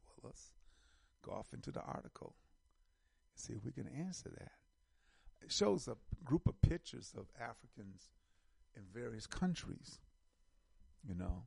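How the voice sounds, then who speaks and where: A middle-aged man from the United States hosts an online show, talking through an article in emphatic, repetitive commentary. His voice is gravelly and somewhat husky, recorded dry and close. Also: mid-range voice, a little mellow, dry recording. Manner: emphatic, repeats phrases, lists building in force. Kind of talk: casual commentary reading an article.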